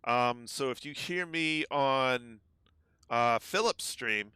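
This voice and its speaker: A man with a relatively low, smooth, sharp-toned voice chats casually while streaming a game, taking it slowly and filling his talk with ums. He's easygoing and chatty, recorded on a home desk microphone with no room sound.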